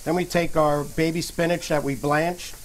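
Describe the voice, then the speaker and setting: A middle-aged man, a restaurant chef, explaining a cooking demonstration step by step in a relaxed way with many fillers. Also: on the high side, moderate pace. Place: TV studio kitchen by a sizzling stove.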